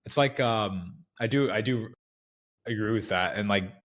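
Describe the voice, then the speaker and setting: A man's voice: fairly low pitch, unhurried, fairly bright tone. A man in his twenties, a guest on a sales podcast, talking casually and rambling with many restarts.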